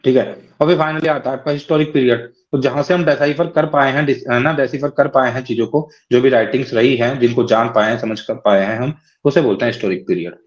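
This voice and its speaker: A man's voice: mid-range voice, fast talker, highs cut off. A man teaching a class lecture, explaining step by step and often checking in with his listeners.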